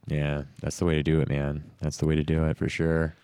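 A man's voice: extremely low pitch, completely flat delivery, fairly quick, dark tone, clear, resonant tone, no echo. A man in his thirties hosting a podcast, chatting in a laid-back way and swearing freely. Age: 30s. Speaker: podcast host. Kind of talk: casual podcast chat.

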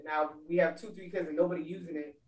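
A woman and new mother chatting casually about family money, talkative and quick to laugh. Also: deep voice, steady tone, a crowd in the background. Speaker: guest, mother. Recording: roomy, distant mic.

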